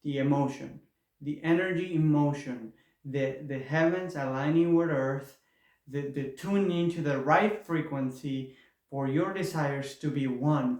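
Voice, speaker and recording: A man's voice: fairly high pitch, a little mellow. A man from Argentina, giving an earnest, repetitive motivational spiritual talk. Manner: earnest, repetitive, with rising enthusiasm. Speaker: spiritual vlogger. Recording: roomy echoey room.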